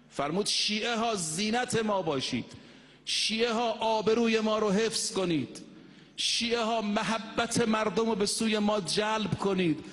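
A man delivering a mosque sermon, declaiming and slowing down to intone Arabic quotations. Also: sits high, fairly bright tone, in a large hall. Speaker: preacher.

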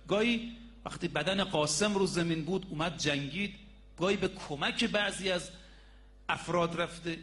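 A man's voice: sits high, fairly bright tone. A man preaching a sermon, telling a story and speaking emphatically to the congregation as brothers and sisters, repeating his key points.

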